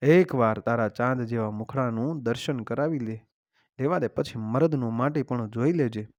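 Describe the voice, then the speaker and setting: A man's voice: medium pitch, moderate pace, darkish tone, no room sound, highs cut off, lightly acted. A man voicing a defeated young Rajput warrior in a folk tale, speaking in a pleading, earnest way.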